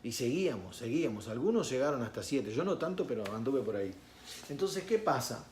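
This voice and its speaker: A male pastor preaching a sermon, telling a story that swings between hushed and loud. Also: medium pitch, sing-song, a little fast, reverberant, noisy background. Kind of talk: sermon with personal testimony.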